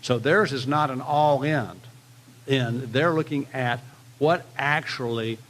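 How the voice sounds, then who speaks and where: A man speaks in a middle-pitched voice with a hillbilly accent of the rural American South. He presents like a financial adviser at a public meeting, explaining technical points in plain, homely terms. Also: takes it slowly, fairly bright tone.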